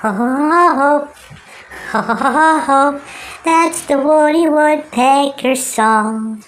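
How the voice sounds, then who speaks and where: An amateur performer voicing a mischievous, excitable cartoon woodpecker, rambling and exclaiming with drawn-out words. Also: mid-range voice, faint music behind, rough recording. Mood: merry. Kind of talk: amateur cartoon character impression.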